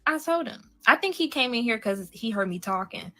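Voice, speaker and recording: A woman's voice: a little high, expressive, fairly quick, bright, forceful tone, faint music behind. A woman from Seattle chatting casually with viewers on a live stream, rambling and answering the chat directly. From Seattle, USA.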